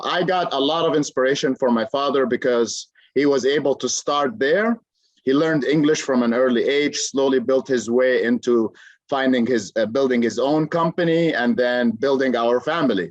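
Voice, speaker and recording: A man's voice: medium pitch, dry recording, muffled recording. A man in his thirties, originally from Jordan, a career coach telling his story as an interview guest, earnest and full of fillers. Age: 30s. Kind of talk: interview conversation.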